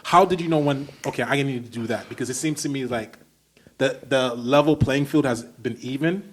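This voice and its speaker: A man's voice: mid-range voice, brisk. A male podcast host from Brooklyn, talking in an easygoing, chatty way. He asks long, winding questions with a lot of enthusiasm and keeps the conversation loose and friendly. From Brooklyn, New York. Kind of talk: casual interview chat.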